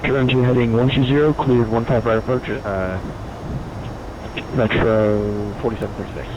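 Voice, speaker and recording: A man's voice: mid-range voice, fairly even intonation, moderate pace. A man speaking as a pilot, giving short air traffic control radio read-backs. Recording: muffled radio with aircraft noise.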